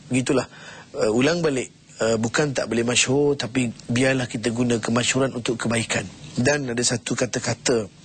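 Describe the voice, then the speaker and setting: A middle-aged man giving a motivational sermon, talking in a lively, conversational way that swings up and down. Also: mid-range voice, a little hiss or hum. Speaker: preacher.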